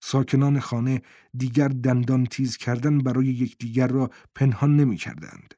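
A man narrating a novel in a steady storytelling voice, recorded close on a studio microphone. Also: medium pitch, no room sound. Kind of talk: audiobook narration.

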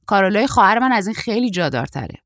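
A woman's voice: mid-range voice, sing-song, fairly bright tone, no room sound, studio quality, voice pushed up. A woman voicing a tall, lanky young male surfer who is shy but blunt and naive. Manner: naive, chatty, raised youthful delivery.

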